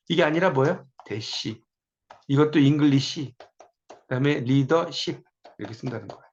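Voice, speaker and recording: A man's voice: a little high, dull audio. A man giving a recorded spelling lecture in a conversational way, repeating words over and over to drill them.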